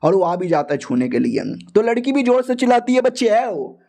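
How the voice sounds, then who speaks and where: Brief: male recap narrator, high but mellow-toned, jokey and quick. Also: sing-song, vocal fry. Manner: jokey, fast-talking, mocking asides. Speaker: storyteller. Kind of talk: comic storybook recap.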